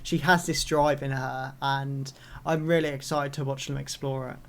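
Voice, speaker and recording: A young man hosting a live reaction video, casual and excitable, swearing and breaking into loud bursts of delight. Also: medium pitch, moderate pace, noisy background.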